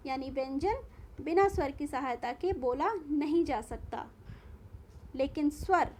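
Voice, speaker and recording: A woman teacher giving a recorded school lesson, explaining carefully and spelling out sounds one by one. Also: sits high.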